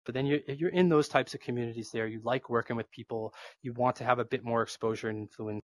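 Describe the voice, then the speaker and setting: A man's voice: medium pitch, quick pace. A man with a Boston accent, chatting as a guest in a casual interview, rambling with lots of fillers. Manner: rambling, filler-heavy, animated.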